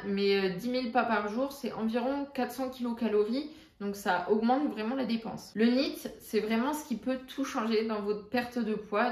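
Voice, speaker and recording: A young woman vlogs about her fitness routine in a casual, explanatory style, chatting directly with viewers and using lots of filler words. Her voice is fairly high, and the room sounds echoey.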